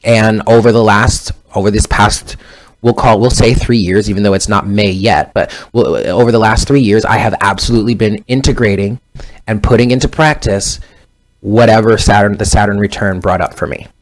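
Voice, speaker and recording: A man's voice: lowish voice, normal speed. A man in his thirties giving a casual tarot reading, rambling and often correcting himself mid-sentence. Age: 30s. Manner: rambling, self-correcting, conversational. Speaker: tarot reader.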